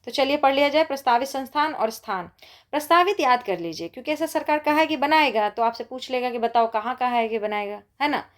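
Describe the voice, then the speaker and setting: A woman's voice: high voice, fairly quick. A woman, teaching an exam-prep lecture in an encouraging, conversational way as she reads lists aloud.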